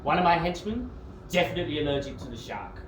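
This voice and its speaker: Man as smug supervillain, lively sing-song delivery, echoey noisy room. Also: a little high, quick pace, distant mic, natural voice. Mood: smug, petulant. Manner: theatrical menace broken by coughing and squabbling. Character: pompous, bickering British supervillain man. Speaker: actor in a sketch.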